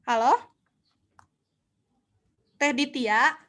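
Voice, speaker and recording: A young woman with a high, slightly bright voice gives a casual online lecture at a student seminar, stretching out her words. She's chatty and tends to pose questions to herself, then answer them.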